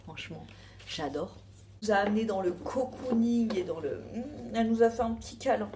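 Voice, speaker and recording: A woman's voice: medium pitch, brisk, background noise. A woman with a French accent reviewing a beauty box in a casual, rambling chat full of asides and fillers.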